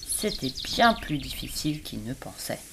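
A woman reading a children's story aloud, gentle and expressive, with birds singing behind her. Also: extremely low pitch, moderate pace, vocal fry, noisy background. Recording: birdsong in background.

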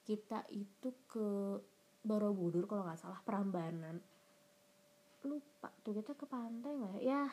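Chatty woman with a mellow voice. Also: medium pitch. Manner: chatty, slangy, animated when quoting others. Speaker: podcast host. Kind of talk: casual solo podcast storytelling.

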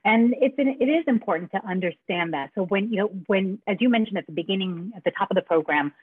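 A woman's voice: mid-range voice, lively intonation, fast talker, no room sound. A woman co-hosting a talk show, explaining a point earnestly and restarting her sentences often. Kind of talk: casual conversational talk. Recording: dry, husky, phone-like line.

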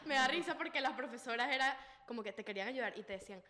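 Podcast co-host: young woman, high and bright, asks the questions. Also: racing. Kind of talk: casual chat.

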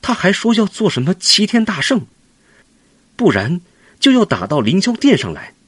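A man's voice: high voice, wildly swooping pitch, moderate pace, breathy edge, no echo, pitched above the performer's own voice, full character voice. A man voicing a fierce young warrior prince in a children's story. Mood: shaken. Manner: shouting, indignant.

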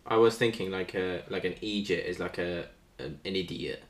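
A man's voice: sits low, moderate pace, roomy sound. A man in a casual chat, good-humoured and self-mocking as he guesses words. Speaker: vlogger being quizzed.

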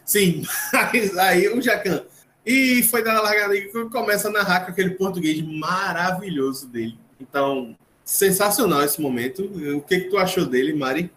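A man's voice: high-pitched, moderate pace, a bit bright. A male host leads a casual podcast with chatty, joking recaps. His voice sits in a roomy, echoing space. A faint background hiss runs under it. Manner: chatty, recaps with jokes and asides. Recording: roomy echo, faint noise.

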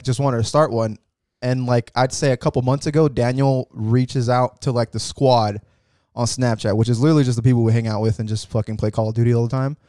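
A young man co-hosts a casual podcast chat with a friend, sounding laid-back and slangy and swearing casually. His mid-range voice is darkish and clean, recorded with studio quality and no echo.

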